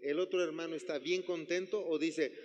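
A man's voice: on the high side, steady tone, normal speed, big-room sound, muffled recording. A man preaching a sermon, often asking the congregation questions. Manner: asks the congregation questions, acts out quotes. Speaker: pastor.

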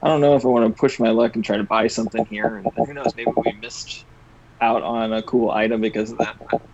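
A man's voice: medium pitch, fairly quick, gravelly, dull audio, a crowd in the background. A man talking as a player in a tabletop game, thoughtful and hesitant, his remote call audio dropping out as he leans back from the mic. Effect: audio cutting out in dropouts. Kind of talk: casual chat about a tabletop game. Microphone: computer mic on a remote call, fading as he leans back.

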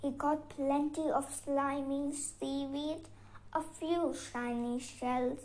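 A woman storyteller reading a bedtime fairy tale aloud in a gentle, expressive way. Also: sits high, slow pace, rough recording.

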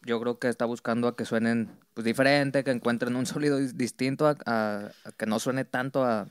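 A man's voice: mid-range voice, steady tone, a little fast, clear, resonant tone, no echo. A man with a Mexican accent hosting a podcast, talking in an easygoing way with hesitant restarts. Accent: Mexican Spanish. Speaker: podcast host. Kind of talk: casual chat.

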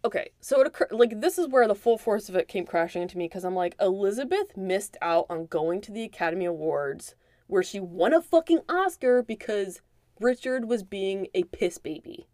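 A woman co-hosting a podcast, recapping a movie in animated, profane casual chat. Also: medium pitch, moderate pace, no echo, studio quality. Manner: animated, profane, emphatic storytelling. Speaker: podcast co-host.

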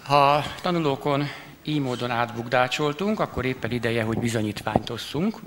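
Host guy, fake-formal announcing with lots of ums, echoey hall, crowd audible. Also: medium pitch. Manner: mock-solemn, hesitant with fillers. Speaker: event host. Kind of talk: formal mock-ceremonial announcing.

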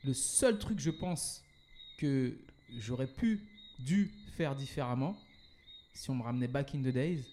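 Guy with a mellow warm voice, casual interview, lots of ums and restarts, throws in english words. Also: mid-range voice, expressive, a little slow, slight background noise. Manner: hesitant, many fillers and restarts, mixes in English words. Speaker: guest, event organizer and entrepreneur.

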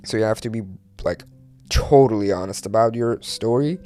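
A man with a lowish, warm, clean voice speaks at a moderate pace over soft background music. Born in Iran and later moving to Turkey, he hosts a solo podcast, rambling and confessional, hesitant, self-deprecating and casually swearing.

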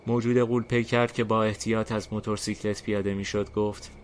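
A man narrating a fantasy story in a steady, deliberate reading style. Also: lowish voice. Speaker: narrator and host. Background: faint music.

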